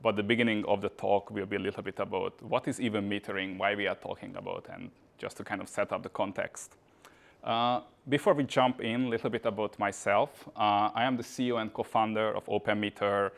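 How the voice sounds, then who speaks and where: A man's voice: on the low side, fairly even intonation, a little fast, gravelly. A man from Hungary, giving a casual tech meetup talk with frequent "uh" and "kind of" fillers. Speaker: conference speaker. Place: meetup venue.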